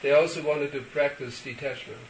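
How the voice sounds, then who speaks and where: An older man, a spiritual teacher, answers questions in short phrases, pausing for an interpreter. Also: fairly high pitch, fairly even intonation. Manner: measured, pauses for translation. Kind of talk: sermon Q&A with interpreter. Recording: echoey hall, distant mic, background noise.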